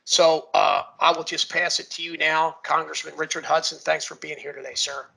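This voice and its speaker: A man with a gravelly voice presenting slides informally at an event, in a folksy, emphatic way. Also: on the high side, level tone, normal speed, sharp tone, low-quality recording. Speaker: presenter and moderator of a launch event.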